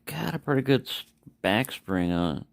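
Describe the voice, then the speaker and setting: Very animated at a normal speed, a medium-pitched man with vocal fry reviews knives in a casual, off-the-cuff way. He rambles, fixes his own wording and mumbles asides, and the recording has no room sound.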